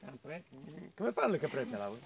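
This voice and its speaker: A man reading stories to children outdoors at a farm, playful and animated. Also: medium pitch, moderate pace, vocal fry, a little hiss or hum. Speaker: storyteller for children.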